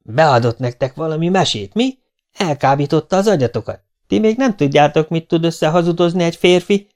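A man voicing an indignant, sharp-tongued middle-aged mother who scolds loudly in a raised, shrill voice. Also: expressive, natural voice. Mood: scolding. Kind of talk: audiobook character voice.

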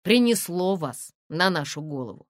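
A woman's voice: on the low side, lively intonation, normal speed, no room sound, studio quality, lightly acted. A woman voicing a curt sardonic male director. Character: middle-aged man, museum director, curt. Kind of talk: audiobook character reading.

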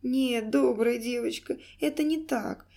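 A woman's voice: a little high, a little slow, creaky, dark tone. A woman voicing a pleading, frightened dwarf clown. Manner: whimpering, begging.

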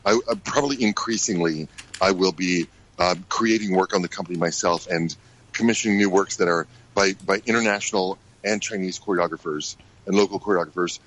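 A middle-aged American man, a ballet director, answering questions in a radio interview, halting with many fillers and restarts. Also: low-pitched, a bit bright, rough recording. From United States.

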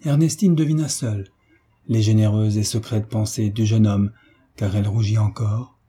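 A man narrating a classic novel aloud in a measured, steady way. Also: on the low side, slightly rough. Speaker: audiobook reader.

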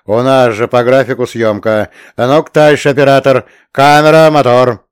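A man voicing a brisk, commanding male crewman in an audiobook, louder than his narration. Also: medium pitch, fairly even intonation, smooth, no echo, clean studio sound, voice pushed up, lightly acted. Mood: bossy.

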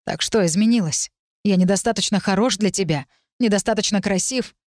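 A woman's voice: medium pitch, a little fast, a little mellow, no echo, studio quality, natural voice. A woman voicing a volatile young man who pleads desperately and turns menacing. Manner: pleading then menacing, tense.

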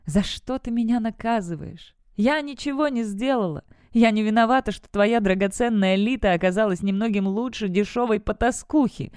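A woman voicing a defiant, sharp-tongued young witch in an audiobook. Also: medium pitch, moderate pace, hardly any pauses, smooth, no room sound, studio quality, voice pushed up, lightly acted. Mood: bitter. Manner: bitter, defiant. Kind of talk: audiobook character voice.

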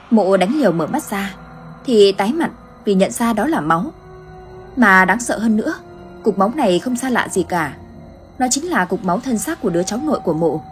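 A woman narrating a horror story in a steady, dramatic way. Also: medium pitch. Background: faint music.

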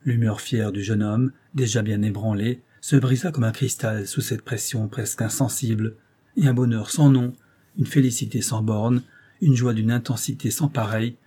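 A man narrating a romantic novel in a measured, lyrical storytelling manner. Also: medium pitch, warm tone, breathy edge. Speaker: audiobook narrator. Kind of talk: literary audiobook narration.

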